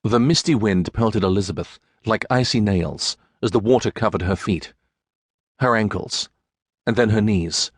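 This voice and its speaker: A man reading a historical romance audiobook in a measured, dramatic storytelling manner. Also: lowish voice, no room sound, studio quality. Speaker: audiobook narrator. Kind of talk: scripted narration.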